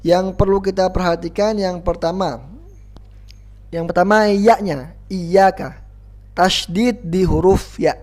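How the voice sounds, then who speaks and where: A Quran recitation teacher giving a tajwid lesson, patiently explaining pronunciation in casual classroom talk and chanting verses slowly for students to repeat. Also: mid-range voice, steady tone, a little mellow. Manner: calls self 'Ana' and students 'antum', Arabic-flavored classroom talk.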